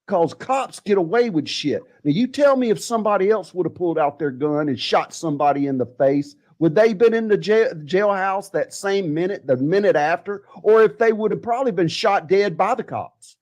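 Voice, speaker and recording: A man's voice: sits high, lively intonation, normal speed, hardly any pauses, darkish tone. A man in an angry, profane off-the-cuff rant, repeating himself and cursing at other channels. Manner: furious, profane, repetitive. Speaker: livestreamer ranting at other channels.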